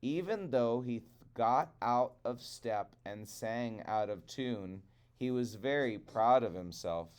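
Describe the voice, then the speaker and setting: Male storyteller for trickster tale: unhurried, resonant, deliberate dramatic phrasing. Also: mid-range voice, lively intonation, darkish tone, clear, resonant tone.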